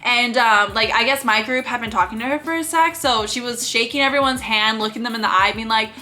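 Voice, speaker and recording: A young adult woman telling an animated storytime to her viewers, chatty and full of laughs. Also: on the high side, a little hiss or hum. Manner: animated, fast-talking storyteller with lots of "like" and laughs. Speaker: YouTuber. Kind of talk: storytime vlog.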